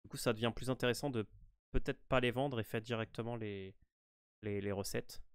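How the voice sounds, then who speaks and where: A man's voice: mid-range voice, steady tone, a little fast, clear, resonant tone, dry recording, clean studio sound. A man with a French accent giving a casual, hesitant game walkthrough full of fillers and restarts. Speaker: gaming walkthrough host.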